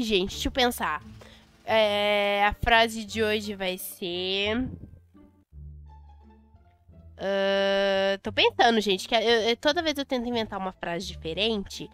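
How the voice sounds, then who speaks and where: A young adult Brazilian woman commentating a Roblox game, chatty and excitable, repeating words in bursts. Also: on the high side, clean tone. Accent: Brazilian Portuguese. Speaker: Roblox gameplay host. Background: faint music.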